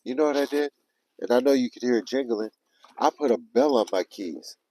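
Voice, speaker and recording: A man's voice: mid-range voice, fairly quick, slight background noise, rough recording. A man telling a story casually on a livestream, swearing often and acting out his own panicked self-talk. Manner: animated, profane, retelling with quoted self-talk. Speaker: livestream vlogger.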